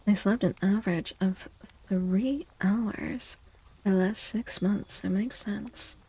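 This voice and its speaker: Breathy and often whispering, a soft-spoken woman at medium pitch hosts a live ASMR tarot reading. She's gentle and soothing, reassuring without any hurry, though the audio is poor.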